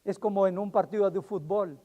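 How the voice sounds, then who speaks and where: A pastor preaching a dramatic sermon, swinging between loud exclamations and hushed warnings. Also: male voice, high-pitched, fairly quick, in a large hall. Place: church sanctuary.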